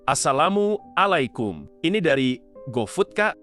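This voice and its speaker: A man voicing a polite young food delivery driver in an animated drama. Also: fairly high pitch, unhurried, soft background music. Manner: polite, matter-of-fact.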